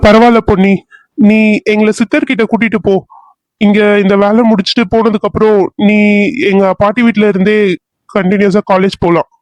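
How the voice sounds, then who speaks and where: A man doing a gentle young husband. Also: high voice, little pitch movement, a little fast, pauses often, no room sound, natural voice. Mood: earnest. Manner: gentle, reassuring. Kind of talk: cartoon serial voice acting.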